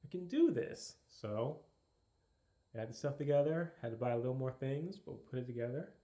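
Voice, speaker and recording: A man appearing as a guest on a podcast, chatting casually and explaining things in a relaxed way. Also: mid-range voice, brisk. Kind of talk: casual chat.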